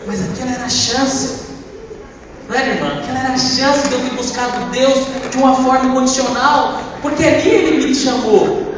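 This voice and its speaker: A man giving a church testimony, impassioned, swinging between loud outbursts and hushed lines. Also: very high-pitched, moderate pace, noisy background. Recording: echoey church hall from far off, dull sound.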